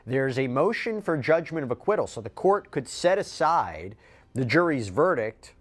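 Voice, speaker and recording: A man hosting a legal news show, explaining court procedure in a measured way to a co-host. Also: medium pitch, big pitch swings. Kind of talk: legal analysis chat.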